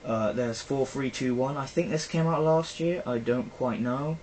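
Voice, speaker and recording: Unhurried and darkish in tone, a young man's mid-range voice drifts through a casual, filler-laden chat about films. He's a British vlogger, and the poor-quality recording carries faint background noise.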